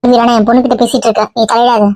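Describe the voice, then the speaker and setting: A woman acting a scolding mother in a family drama skit, sharp and shrill when angry. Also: little pitch movement, racing, no room sound, clean studio sound. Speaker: vlogger acting family skits.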